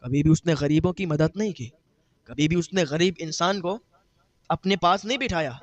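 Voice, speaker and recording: ایک آدمی جو وعظ میں دہرائے جانے والے جملوں کے ساتھ ایک اخلاقی قصہ سناتا ہے۔. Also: male voice, a little high, dry recording. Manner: retells a moral tale with quoted dialogue, repetitive phrasing. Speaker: preacher. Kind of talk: sermon storytelling.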